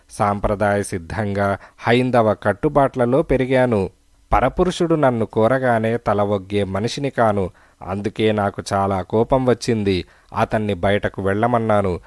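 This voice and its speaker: A man's voice: on the low side, a little mellow, no room sound, studio quality, lightly acted. A man reading the part of a frightened young married woman in an audiobook, telling her story in a sorrowful, hesitant way.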